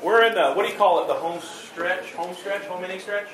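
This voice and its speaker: A man's voice: high voice, a little fast, fairly bright tone. A man working as a ghost tour guide, telling stories to his group in a theatrical way with joking asides. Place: large echoing indoor room of an old building. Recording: echoey room, distant mic, clear background noise.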